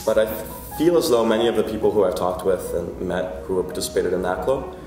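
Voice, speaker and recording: A man's voice: deep voice, fast. A man giving a reflective interview answer. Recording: distant echoey sound with music.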